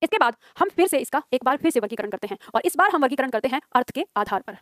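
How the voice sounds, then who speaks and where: A woman teacher drives through a grammar lecture at a rapid clip, her voice pitched high. She keeps quizzing the class and answering herself, with teasing asides to the students. The sound is close and dry, with no room echo. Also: expressive. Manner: brisk, asks the class questions and answers them herself. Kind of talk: classroom lecture, also streamed online.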